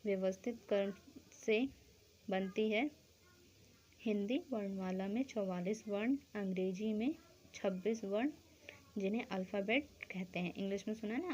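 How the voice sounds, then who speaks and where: A woman teaching a school grammar lesson. She explains slowly, asks questions and answers them herself, and keeps checking that the class understands. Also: medium pitch, a little mellow, slight background noise. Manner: keeps checking understanding with short tag phrases; spells out sounds and counts slowly.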